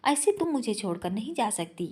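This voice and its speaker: A woman's voice: on the high side, big pitch swings, moderate pace, darkish tone, breathy edge. A woman voicing a frantic grieving young husband. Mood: frantic grief. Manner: desperate, pleading, angry.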